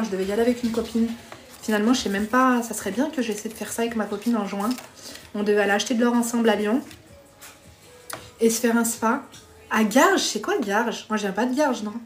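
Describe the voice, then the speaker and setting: A woman's voice: fairly high pitch, fast. A woman hosting a live stream, chatting bluntly with viewers, reading their comments and giving dating advice while calling them pet names.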